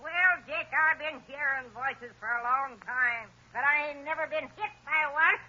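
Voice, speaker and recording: A man's voice: moderate pace, bright, forceful tone, exaggerated voice. An actor playing a crazed, cackling old woman who giggles as she talks, in a 1930s radio drama. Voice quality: shrill cackling. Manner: giggling, unhinged. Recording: muffled old radio recording, faint hiss.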